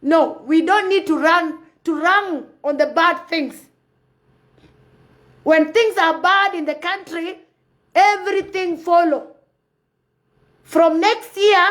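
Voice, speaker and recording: A woman's voice: very high-pitched, slow pace, pauses often. A woman from Sudan, giving passionate, preachy commentary on a live phone video and repeating her points. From South Sudan. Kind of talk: impassioned live-stream commentary.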